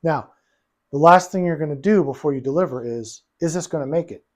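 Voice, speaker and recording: A man's voice: a little high, fairly quick, a little mellow. Patient man coaching pool. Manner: patient, repeats and restarts phrases while explaining. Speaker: billiards coach. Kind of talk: one-on-one coaching session.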